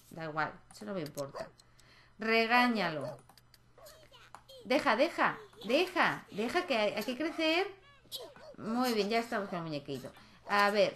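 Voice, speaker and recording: A young woman chats her way through a life-simulation game, talking straight to her characters. Her voice sits at an ordinary middle pitch. A faint noise runs under the recording. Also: fairly bright tone. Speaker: gaming channel host. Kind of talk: casual gameplay commentary.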